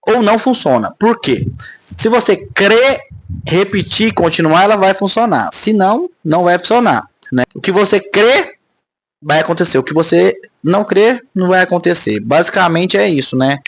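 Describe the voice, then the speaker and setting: A man's voice: sits high, expressive, moderate pace, a bit bright. A man, talking casually to camera in a rambling vlog monologue, often ending phrases with tag questions. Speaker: spiritual vlogger.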